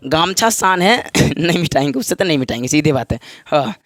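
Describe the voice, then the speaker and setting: A man's voice: a little high, very animated, a little fast, a bit bright, no echo, studio quality. A man with a Bihari Hindi accent teaching a spoken English class, chatty and joking, repeating examples and checking whether the class follows. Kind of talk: classroom lesson at a whiteboard.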